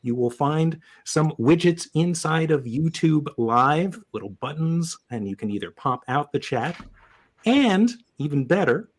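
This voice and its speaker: A man's voice: on the high side, lively intonation, measured pace. A man hosting a live data visualization webcast, upbeat and joking as he introduces his co-hosts and guests. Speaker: podcast host.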